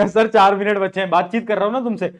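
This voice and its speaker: A man's voice: high voice, steady tone, brisk. A man teaching an online class, chatty, repeating phrases and mixing English terms into his talk.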